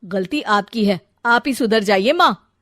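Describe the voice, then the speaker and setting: A woman's voice: mid-range voice, expressive, a little slow, a bit bright, no room sound, clean studio sound. A woman voicing a blunt young married son in a cartoon, speaking firmly and matter-of-factly. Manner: firm, matter-of-fact. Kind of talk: cartoon voice acting.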